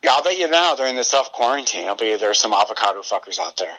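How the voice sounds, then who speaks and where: A man co-hosting a podcast in casual comedic banter, joking and often breaking into high laughter. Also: very animated, fast, bright, forceful tone, slightly rough, poor audio. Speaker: podcast co-host.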